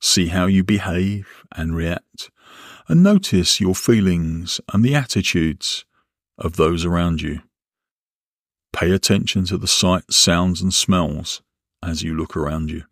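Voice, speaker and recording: A man narrating a guided relaxation and visualisation exercise as an instructor, in a measured, instructional way with deliberate pauses. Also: low-pitched, dry recording, studio quality.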